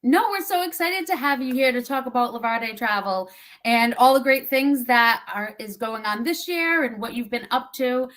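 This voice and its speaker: A woman with a Massachusetts accent hosting a casual video interview, upbeat and quick to affirm. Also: fairly high pitch, a bit bright. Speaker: interviewer, host.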